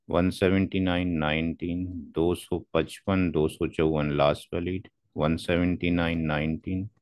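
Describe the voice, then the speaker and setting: A man's voice: deep voice, a little mellow, dry recording. A man teaching a classroom lecture as a networking instructor, methodically spelling out numbers step by step.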